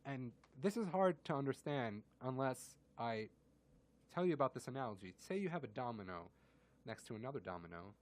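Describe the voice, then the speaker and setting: A man's voice: medium pitch, expressive, brisk. A man co-hosting a casual radio show, explaining physics through everyday analogies and laughing often.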